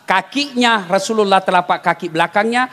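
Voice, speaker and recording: High-voiced joking preacher in a hall. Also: male voice, brisk. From Makassar. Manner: animated storytelling, jokes, bursts of loud exclamation. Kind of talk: humorous sermon. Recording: long reverb in a hall.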